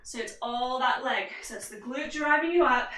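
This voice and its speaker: Woman coaching a workout, high bright voice, upbeat step-by-step cues, echoey room with a distant mic. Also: normal speed, slight background noise. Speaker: fitness instructor. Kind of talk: guided workout instruction.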